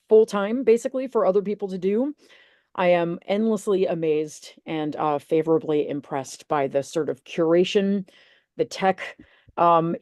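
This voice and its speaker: A woman's voice: fairly low pitch, mellow, dry recording, studio quality. A woman moderating an online panel, introducing speakers in a chatty way with many fillers and self-corrections.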